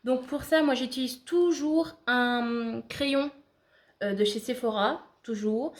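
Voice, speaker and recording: Woman vlogger walking viewers through a makeup look; easygoing, chatty, a little halting, voice on the higher side. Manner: chatty, talks to viewers like friends; hesitant, frequent fillers. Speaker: beauty vlogger. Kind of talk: casual makeup tutorial.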